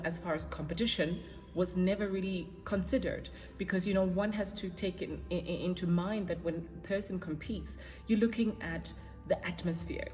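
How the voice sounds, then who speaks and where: Low-voiced woman from South Africa. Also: darkish tone. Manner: thoughtful, measured, with fillers. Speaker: ballet dancer and competition juror. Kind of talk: interview answers. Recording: long hall reverb with faint music. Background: faint music.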